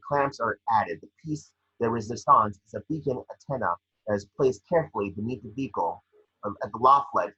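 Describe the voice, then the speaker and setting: At a table read, a husky-voiced man reads scene descriptions and sometimes stumbles over the script. His voice is mid-range with a sharp tone, and the recording is muffled.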